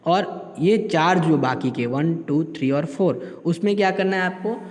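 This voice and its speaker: Slow, patient male teacher. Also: a little high, a little mellow, echoey room, long reverb tail. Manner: slow, deliberate, repeats letters for pupils to follow. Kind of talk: school lesson on the alphabet.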